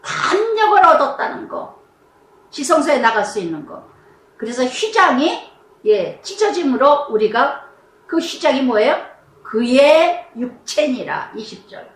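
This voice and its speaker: Middle-aged woman pastor, high-pitched and animated, preaching casually in a reverberant room. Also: a little slow. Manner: animated, chatty preaching with rhetorical questions. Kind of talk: devotional Bible sermon.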